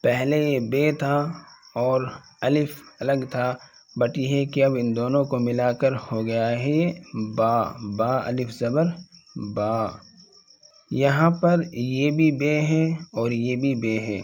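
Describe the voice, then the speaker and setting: A man's voice: mid-range voice, steady tone, a little mellow. Patient man teaching letter sounds. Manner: slow, repeats sounds and letter names clearly. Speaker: Urdu reading teacher. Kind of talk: step-by-step reading lesson.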